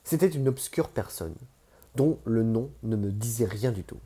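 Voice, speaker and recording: A man narrating a first-person novel as an audiobook, measured and steady. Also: fairly low pitch, breathy edge.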